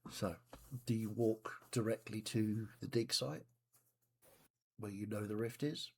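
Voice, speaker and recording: This game master's voice is fairly low and flat, with a little hiss or hum. Narrating a tabletop game over voice chat on a live stream, he lays out scenes descriptively and in a measured way, adds asides, and prompts the players for their actions.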